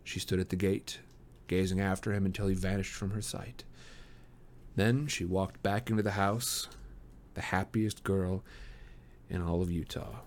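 Man narrating at a measured pace. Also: low voice, steady tone, darkish tone, slight background noise. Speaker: host reading a novel aloud. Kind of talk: audiobook-style narration.

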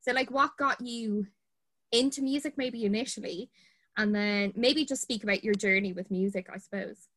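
A woman's voice: mid-range voice, moderate pace, fairly bright tone. A woman in her twenties with an Irish accent, hosting a podcast in an informal, conversational way. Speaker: podcast host, barrister.

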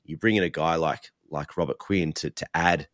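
A man's voice: rumbling low, steady tone, normal speed, a bit bright, dry recording, clean studio sound. A man giving casual sports analysis as a podcast co-host, repeating words as he builds each point.

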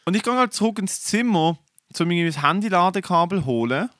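A young man rattles through anecdotes at a quick clip, recorded close and dry. He curses casually and sprinkles in English slang as he chats. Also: high-pitched, no echo. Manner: animated retelling, swears a lot, mixes in English slang. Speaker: podcast co-host. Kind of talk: casual storytelling chat.

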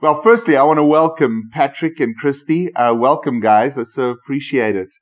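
A man hosts a casual podcast interview, introducing his guests in an enthusiastic, rambling way. His voice is mid-range and his pace moderate.

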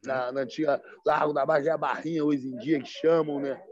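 Speaking briskly in a fairly high, steady, somewhat mellow voice, a male guest spins slangy casual stories, throwing in "sacou" and "né, cara" and animating the quoted lines with livelier voices. The sound is dry and a bit dull.

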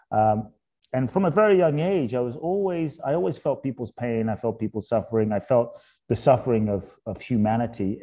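A man, talking as a guest in an interview. His voice is low and very dark and mellow. He tells his story reflectively, building up to emphatic questions. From England. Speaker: guest, author and speaker.

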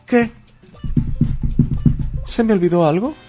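A man's voice: high-pitched, slow, a little mellow, soft background music, pitched above the performer's own voice. A man doing a scoffing young woman. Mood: astonished. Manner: whiny, exasperated sighs. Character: scoffing young woman, dismissive of her father.

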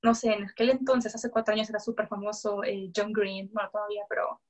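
A woman's voice: mid-range voice, level tone, fast talker. A young woman tells her faith testimony in a casual way. She often acts out her own past words and fills her speech with fillers and restarts. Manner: frequent fillers and self-corrections. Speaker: guest sharing a faith testimony.

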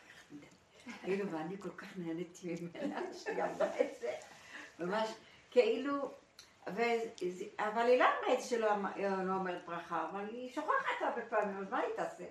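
A woman in a group telling a story casually, halting and full of fillers. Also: medium pitch, a little hiss or hum. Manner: hesitant, halting, filler-heavy. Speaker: group participant. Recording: echoey room, distant from mic.

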